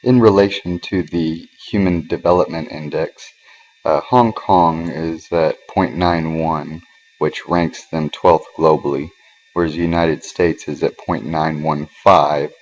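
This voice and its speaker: Very deep-voiced man narrating a class presentation. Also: steady tone, measured pace, muffled recording. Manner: hesitant, many fillers. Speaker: student presenter.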